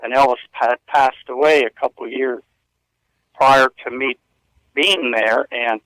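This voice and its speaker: A man's voice: mid-range voice, fairly even intonation, measured pace, a bit bright, no echo, low-quality recording. A man in his fifties telling stories as a radio interview guest, earnest and rambling with frequent chuckles. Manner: earnest, rambling storyteller who chuckles often. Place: hotel room.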